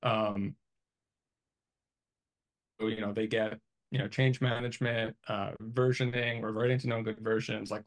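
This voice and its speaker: Speaking from a small home office on a video call, a man in his thirties who works as an IT engineer explains things casually in an interview, thinking aloud conversationally. His medium-pitched voice is gravelly, and the recording is low quality.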